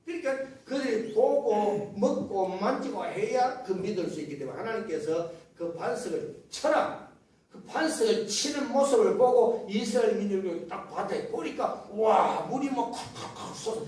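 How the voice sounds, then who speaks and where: A man preaching a Sunday sermon as pastor, telling scripture stories in a lively way and asking the congregation questions he then answers himself. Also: sits high, moderate pace. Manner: lively storytelling retelling of scripture. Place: church sanctuary. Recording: very echoey church hall, mic at a distance.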